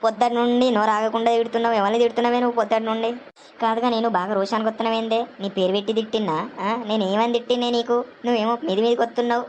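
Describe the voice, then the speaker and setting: A woman with a Telangana Telugu accent playing a village neighbor who confronts a shouting woman with sharp questions. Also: fairly high pitch, level tone, racing, dull audio, slight background noise, lightly acted. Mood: confronting.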